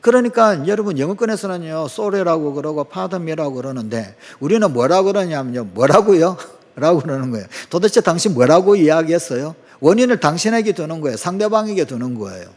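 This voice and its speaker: A middle-aged Korean pastor preaches a sermon in a slightly higher, husky voice. He tells stories, acts out quoted lines and keeps asking his congregation questions. A long church reverb trails after every phrase. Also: animated, fairly quick, darkish tone. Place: church sanctuary.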